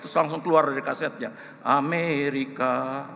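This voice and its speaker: A man preaching a sermon as a pastor from Indonesia, telling a story and breaking into loud emotional shouts. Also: on the low side, normal speed, gravelly, background noise. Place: church. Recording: reverberant church hall.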